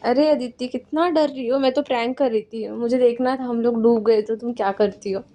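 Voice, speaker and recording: कथावाचिका द्वारा निभाई शेखी बघारती फ्लर्टी युवती, ऊँची और नरम आवाज़. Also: female voice, fairly high pitch, steady tone, brisk, warm tone, natural voice. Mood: teasing. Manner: teasing, boastful.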